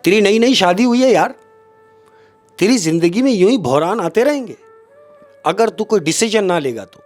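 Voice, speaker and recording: A man's voice: sits high, animated, moderate pace, soft background music, voice pushed up. A man voicing a young man's confident friend who coaxes him with advice. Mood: coaxing.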